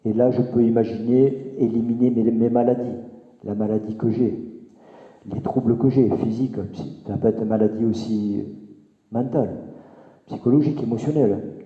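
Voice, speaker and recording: A man teaching Buddhist meditation and explaining a healing mantra, gently, with frequent restarts and repetitions. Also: mid-range voice. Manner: gentle, repeats himself, many restarts. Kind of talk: spoken teaching with mantra recitation. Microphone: microphone. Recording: roomy, long reverb, dull sound.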